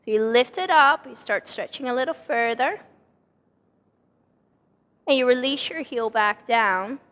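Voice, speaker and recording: A fairly high-voiced woman, hoarse from losing her voice, steadily talks a Pilates class through each breath and stretch. Her voice rings out with a long reverb in the studio room. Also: a little slow. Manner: calm, steady cueing of breath and movement. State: hoarse, partly lost voice. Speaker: Pilates instructor. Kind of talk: guided exercise instruction. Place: exercise studio.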